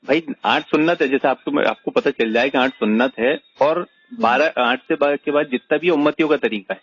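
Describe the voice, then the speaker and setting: A man's voice: fairly high pitch, animated, vocal fry, fairly bright tone, breathy edge, muffled recording. A man teaching a religious point in a debate-style chat, arguing with pointed rhetorical questions. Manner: argumentative, rhetorical questions, emphatic.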